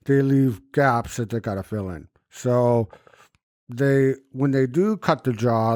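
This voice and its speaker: A man's voice: medium pitch, no echo. Casual male podcaster with swollen lip and splinted mouth, muffled diction, informal and sweary, dry recording. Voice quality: impeded, muffled articulation from a swollen numb lip and dental splints. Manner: loose, informal, frequent cursing. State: puffy swollen lip and banded jaw after surgery. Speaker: podcast host. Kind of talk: casual chat, recounting a personal experience.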